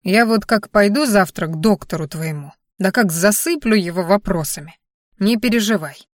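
A gruff but caring old grandfather figure, read out by a woman narrator, brisk and grumbling as he reassures. Her voice stays at a middling pitch with a dry, close sound, and the old man shows through the words more than through any change of voice. This is audiobook storytelling. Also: no echo, natural voice. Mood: gruffly reassuring. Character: elderly male father-in-law, gruff but caring.

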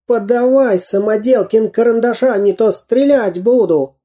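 A man voicing a sly, spiteful male spy in a storybook reading, egging others on in a shrill voice. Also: measured pace, dark tone.

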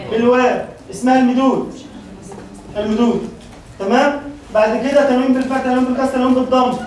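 A woman with an Egyptian accent teaches a Quran class, talking quickly and stopping often to check in with her students. Her voice is high. She is recorded from a distance in a large hall full of echo. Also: a little hiss or hum. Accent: Egyptian Arabic. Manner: brisk, keeps checking in with the class. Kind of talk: classroom lecture. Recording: very echoey hall, distant mic.

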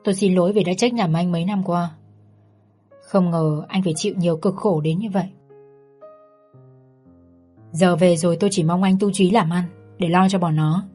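A woman's voice: lowish voice, mellow, husky. A woman voicing a grieving elderly grandmother who speaks in a weary, reproachful way. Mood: softened.

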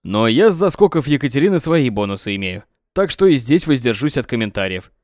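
A man voicing a calm, composed male boss with a dry humor. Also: mid-range voice, fairly quick, no room sound, lightly acted.

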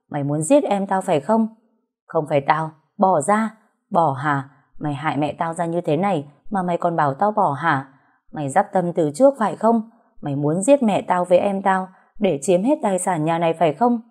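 A haughty, scheming young woman who shouts accusations with a low, mellow voice, as a woman narrator puts her on. In this audio story she stays cold and arrogant. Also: lively intonation, normal speed. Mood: furious accusing.

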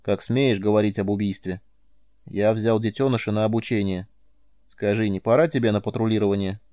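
A man reading an audiobook voices a calm, patient male alien mentor who speaks in a dry, measured way. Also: fairly low pitch, no echo, close to an everyday voice.

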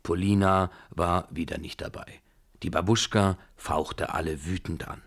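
A man narrating a novel for radio in a steady, calm storytelling manner. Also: deep voice, a little slow.

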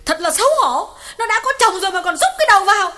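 A woman voicing a young secretary and mistress who lashes out in shrill, scolding outbursts and tearful complaints. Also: animated, very fast, bright, forceful tone, full character voice. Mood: furious. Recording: reverberant reading with guitar music behind.

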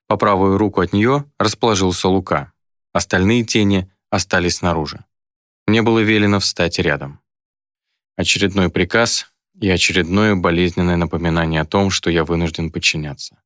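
A man reading a fantasy novel aloud in first person, with an even, measured delivery. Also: sits low, dry recording, studio quality. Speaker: audiobook narrator. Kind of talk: scripted first-person narration.

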